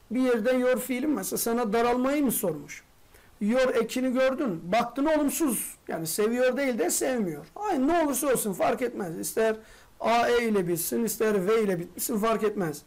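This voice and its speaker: A teacher giving an exam-prep grammar lesson, posing quick rhetorical questions, answering them, and addressing the students familiarly as friends. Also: medium pitch, a little mellow.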